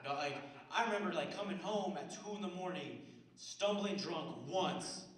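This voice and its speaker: A man's voice: high-pitched, normal speed, fairly bright tone. A young man doing a stand-up comedy set on a theater stage, talking loosely and profanely with lots of fillers and slang. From Mexican heritage. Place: small theater stage with live audience. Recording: roomy theater sound from a distant mic, crowd audible.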